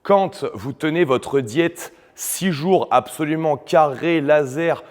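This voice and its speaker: A man's voice: fairly high pitch, slow pace, big-room sound. A man working as a nutrition coach, giving a blunt, combative opinion monologue with frequent hesitation fillers.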